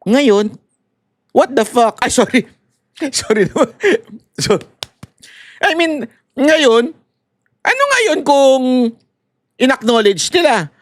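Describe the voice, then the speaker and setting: A man's voice: extremely high pitch, slow pace, pauses often, no echo. A man giving mocking political commentary to viewers, switching between languages and laughing often. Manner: animated and mocking, mixing Tagalog and English, laughing often. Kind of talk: live commentary addressing viewers.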